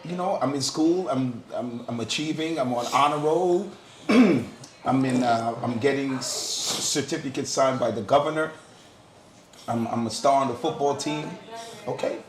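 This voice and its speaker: A man's voice: medium pitch, unhurried, noisy background. A middle-aged man from Guyana sharing his story in a candid group discussion, stressing points by repeating words. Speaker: panel speaker. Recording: roomy sound with crowd murmur. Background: crowd murmur.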